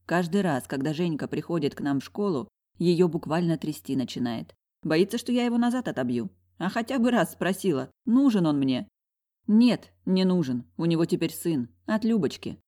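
Woman reading a first person story, wry and confiding, kinda lowish voice. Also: lively intonation, normal speed, dark tone. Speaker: narrator. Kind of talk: first-person audiobook narration.

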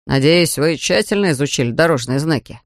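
A man's voice: on the high side, animated, fairly quick, no echo, voice pushed down. A man voicing a stern, weary male police officer in an audiobook, with a dry, official manner of speaking. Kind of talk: audiobook character voice.

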